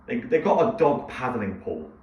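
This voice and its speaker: A man's voice: mid-range voice, sing-song, normal speed, darkish tone. A young man co-hosting a podcast, chatting casually and rambling through stories with laughs. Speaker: podcast co-host. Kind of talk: casual chat. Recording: echoey, distant, dull sound with faint hiss.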